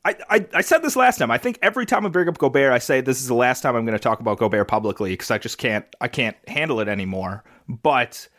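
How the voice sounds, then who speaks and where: A man from the American Midwest co-hosting a podcast, chatting casually in a deadpan, sarcastic way with stammered restarts. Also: mid-range voice, fast talker, hardly any pauses. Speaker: podcast co-host. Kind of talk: casual chat.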